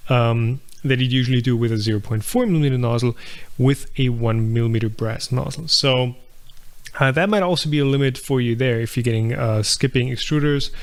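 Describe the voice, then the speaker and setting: A young man hosting a live viewer Q&A, thinking aloud with lots of fillers and restarts. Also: mid-range voice. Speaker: channel host answering viewer questions. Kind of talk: casual live Q&A about 3D printing.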